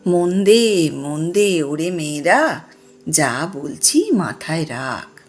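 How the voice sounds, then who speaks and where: Casting: woman doing a frail old teacher lady, soft and hesitant, low and husky, slow. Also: expressive, soft background music, heavily acted. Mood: coaxing. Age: 60s. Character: frail elderly woman, former schoolteacher, gentle and shy.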